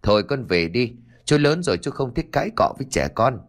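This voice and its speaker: A man's voice: mid-range voice, very animated, brisk. A man voicing a brusque middle-aged village man who talks down to a child. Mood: dismissive. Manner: brusque, condescending.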